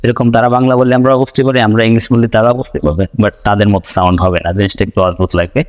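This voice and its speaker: A man from Bangladesh teaches a spoken English lesson in a large hall, explaining patiently and repeating his points as he writes them out. His lowish voice stays steady in tone while he talks rapid-fire.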